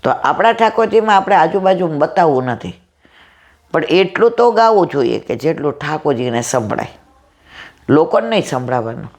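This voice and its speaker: A middle-aged woman with a loud, powerful voice, giving a devotional storytelling discourse and acting out the dialogue in her stories. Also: low-pitched, sing-song, normal speed. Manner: retells stories with quoted dialogue. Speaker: satsang speaker.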